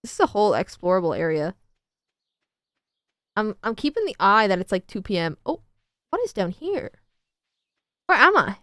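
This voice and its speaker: A young woman streaming a farming game, excitable and gushing, chatting to her viewers. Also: medium pitch, normal speed, long pauses, no room sound. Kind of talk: casual gaming commentary.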